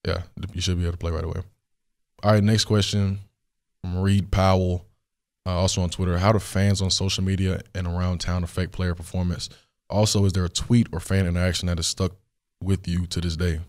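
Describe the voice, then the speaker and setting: This young podcast host speaks low-pitched and brisk, his voice hoarse and worn from recovering. Alone in a studio for a Q&A episode, he wanders through his answers casually with lots of fillers.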